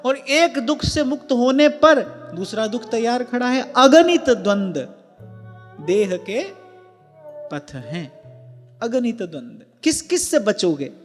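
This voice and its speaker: A man giving a devotional sermon in an ashram hall. He explains slowly, stresses single words and quotes verses. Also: very high-pitched, sing-song. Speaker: spiritual discourse speaker. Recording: long hall reverb with faint music.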